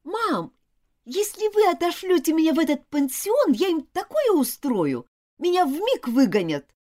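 A woman voicing a spoiled, willful little girl who whines and pleads in a high, swooping voice. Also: very animated, a little slow, a little mellow, full character voice. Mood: defiant. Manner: whiny and pleading.

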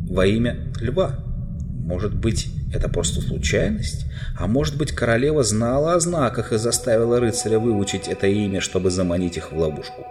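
A man narrating a children's fantasy story in a measured storytelling manner. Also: on the low side, a little mellow. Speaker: audiobook narrator. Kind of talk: scripted narration.

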